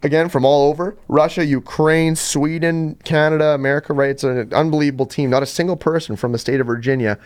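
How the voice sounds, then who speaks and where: Animated young man telling a story. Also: fairly quick, hardly any pauses, clear, resonant tone. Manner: animated storyteller, jumps to high pitch in quotes. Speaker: podcast host. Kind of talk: casual podcast chat.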